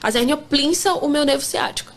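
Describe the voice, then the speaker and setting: Quick, high-voiced young woman testifying. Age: 20s. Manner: earnest, emphatic storytelling. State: pregnant. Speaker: guest sharing a testimony. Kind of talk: casual faith testimony.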